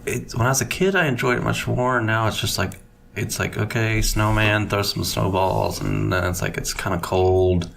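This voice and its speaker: A man's voice: on the low side, moderate pace, vocal fry, fairly bright tone, a little hiss or hum. A man, chatting loosely on a podcast in a meandering, folksy way. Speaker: podcast co-host. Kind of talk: casual chat.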